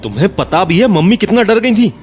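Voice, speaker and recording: A man voicing a calm, reassuring father in an animated story who speaks steadily. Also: high-pitched, fairly quick, soft background music.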